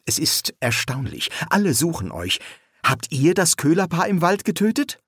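A man's voice: a little high, very animated, moderate pace, fairly bright tone, a little hiss or hum, pitched above the performer's own voice. A male audiobook reader voicing a nervous young scribe who hesitates and stammers a lot. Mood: eager. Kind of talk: audiobook character voice.

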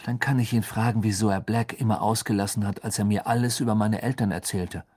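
Guy playing a determined schoolboy in an audiobook, firm, husky. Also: fairly low pitch, steady tone, quick pace, a little mellow. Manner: firm, stubborn. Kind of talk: audiobook character voice.

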